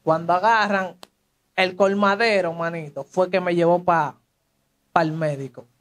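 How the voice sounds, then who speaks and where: A man's voice: high-pitched, steady tone, measured pace, a bit bright. A young man with a Dominican accent telling his life story in casual street slang, acting out the voices of the people he quotes. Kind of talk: casual testimony.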